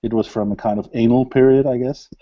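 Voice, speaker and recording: A Danish man, an electronic music producer whose first language is Danish, chats casually as a guest in an interview. He's relaxed and rambling, full of fillers and laughs, talking quickly at a medium pitch. The audio sounds dull.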